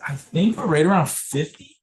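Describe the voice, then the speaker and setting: A man with a slightly high voice and lively intonation chats casually at normal speed as he tests his own microphone on a video call. He's getting ready to present to coworkers at a real estate office meeting, and his tone is easygoing. A faint hiss or hum can be heard.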